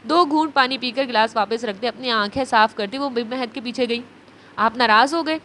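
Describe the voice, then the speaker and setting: A woman narrating a romance novel in a steady, even storytelling manner. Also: fairly high pitch, a little hiss or hum.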